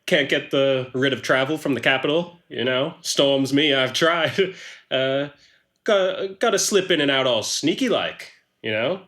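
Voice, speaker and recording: A man's voice: medium pitch, a little slow, sharp tone. A man voicing a short, shifty male newspaperman who talks in a sly, folksy way and drops his words. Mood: sly, smug.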